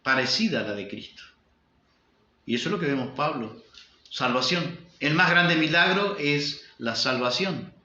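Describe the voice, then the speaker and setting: A man's voice: a little high, lively intonation, a little slow, bright, forceful tone. A male pastor with a Uruguayan Spanish accent, preaching emphatically with repetition and rhetorical questions. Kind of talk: sermon. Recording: roomy, dull lo-fi sound.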